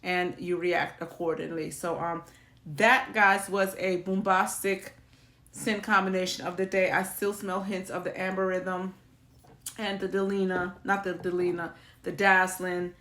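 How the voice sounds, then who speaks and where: A woman's voice: fairly low pitch, level tone, measured pace, fairly bright tone. A woman hosting a perfume vlog, talking to viewers in a chatty, reflective, rambling way with restarts. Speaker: perfume channel host. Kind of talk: casual chat to viewers.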